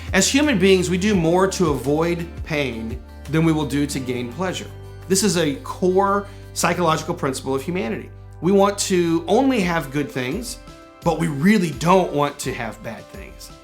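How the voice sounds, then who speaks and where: A middle-aged man hosting a podcast, giving an earnest, emphatic motivational talk full of rhetorical questions. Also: fairly high pitch. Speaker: podcast host and personal development coach.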